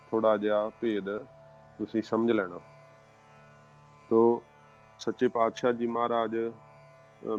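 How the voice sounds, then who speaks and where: A man teaches the proper recitation of scripture, speaking slowly and deliberately. His voice stays even and unhurried as he spells out each sound. The recording is a little muffled, with faint instrumental music underneath. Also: on the low side. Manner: slow, careful, spells out syllables and pauses. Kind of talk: religious pronunciation lesson.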